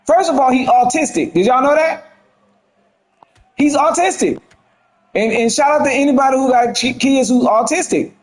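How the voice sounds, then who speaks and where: Fired-up, high-voiced male gaming ranter. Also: moderate pace, long pauses, low-quality recording. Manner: profane, fired up, says he has a temper. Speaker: gaming commentator. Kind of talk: heated ranting commentary.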